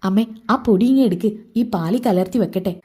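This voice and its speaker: A woman's voice: mid-range voice, brisk, warm tone, breathy edge, close to an everyday voice. A woman voicing a greedy, scheming middle-aged mother who coaches her daughter in a plot. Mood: bossy. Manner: plotting, bossy, conspiratorial.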